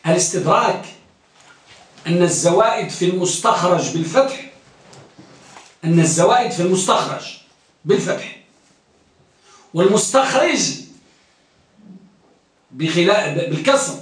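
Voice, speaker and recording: A man's voice: high voice, expressive, normal speed, pauses often. A man teaching a classroom lecture who quizzes his students and repeats key phrases. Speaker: teacher of hadith studies. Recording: very echoey room, distant mic.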